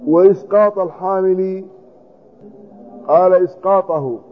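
A man's voice: sits high, steady tone, unhurried. A man teaching a hadith commentary lesson, reading a passage aloud and then explaining each word. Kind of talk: classical text commentary lesson. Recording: dull lo-fi recording.

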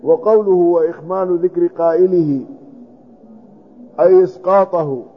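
Reading a hadith aloud before explaining every word, a man leads a classical commentary lesson at a moderate pace. His voice sits high. The dull lo-fi recording carries a little hiss or hum.

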